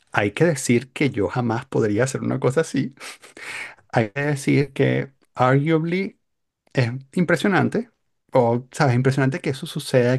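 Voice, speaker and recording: A man's voice: medium pitch, vocal fry. Guy, young, storytelling all dramatic and exaggerated, casual chat. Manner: animated, hyperbolic storytelling with mock voices.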